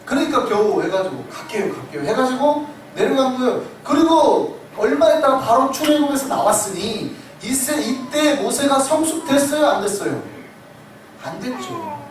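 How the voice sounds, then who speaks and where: Animated male pastor preaching in echoey church. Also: very high-pitched, normal speed. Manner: animated storytelling, acts out quoted voices. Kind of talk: sermon. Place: church sanctuary. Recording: echoey sanctuary, distant mic, noisy.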